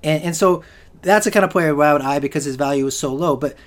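Speaking fast in a slightly high voice, a solo fantasy football podcast host rambles along with frequent restarts and fillers, his voice giving out.

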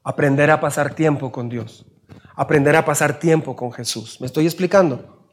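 A man's voice: fairly high pitch, moderate pace. A man with a Mexican Spanish accent preaching a sermon, asking his listeners questions and acting out little scenes in raised voices. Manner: asks the audience questions. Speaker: pastor.

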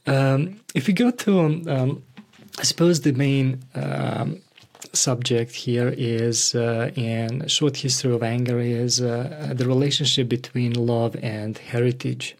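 A man hosting an interview, asking questions hesitantly with many pauses and restarts. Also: medium pitch, steady tone, creaky. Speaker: podcast host. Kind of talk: conversational interview.

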